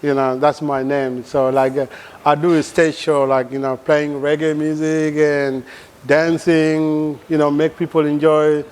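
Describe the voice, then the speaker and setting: A man from Sudan speaks, his voice sitting a touch higher than most men's. He tells his story as an interview guest, halting often and leaning on "you know" and "like" as he feels his way forward. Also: level tone, a little mellow, clean tone.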